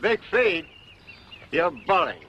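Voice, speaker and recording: An actor playing an older boozy hobo with slow, slangy talk in a 1950s film. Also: male voice, on the high side, very animated. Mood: eager, dry. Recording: muffled, echoey, very noisy old film.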